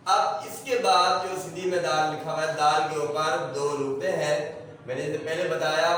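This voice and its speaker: A male teacher giving a slow, explanatory alphabet lecture, repeating each point patiently. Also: on the high side, fairly bright tone. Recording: very echoey, voice from a distance with faint room noise.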